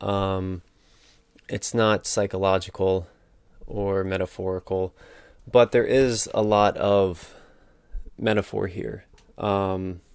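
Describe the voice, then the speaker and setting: Flat-voiced man musing over a book. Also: deep voice, slow, smooth, no echo, clean studio sound. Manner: thinking aloud, hesitant, self-correcting. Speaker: podcast host. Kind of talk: casual solo book discussion. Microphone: battery-powered microphone.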